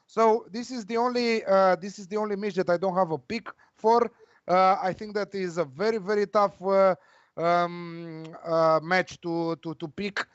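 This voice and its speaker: A man giving casual football betting predictions in a hesitant, halting way, repeating words as he goes. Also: high voice, fairly even intonation, clear, resonant tone, dry recording, lo-fi sound.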